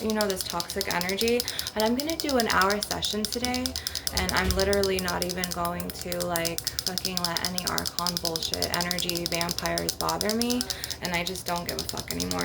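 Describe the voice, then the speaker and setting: A middle-aged woman, an ASMR creator, leads an energy-clearing session in a casual, rambling, sweary monologue delivered bluntly. Her voice is lowish and creaky. The noisy recording is full of clicking and tapping, with tapping, clicking and rattling on glass or crystal in the background.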